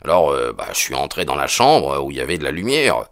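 A man voicing a blunt, uneasy police constable who talks in rough colloquial phrases full of hesitant fillers, in an audiobook. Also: rumbling low, very animated, quick pace, fairly bright tone, no room sound, clean studio sound, voice pushed down, heavily acted. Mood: defensive. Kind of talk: audiobook character voice.

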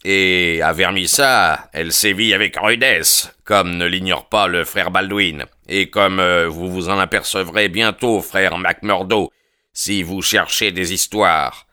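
A man's voice: sits low, steady tone, slow, sharp tone, clean tone, no room sound, clean studio sound, exaggerated voice. Man playing a bluff, commanding lodge boss. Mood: jovial. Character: jovial domineering male lodge boss. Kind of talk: audiobook character reading.

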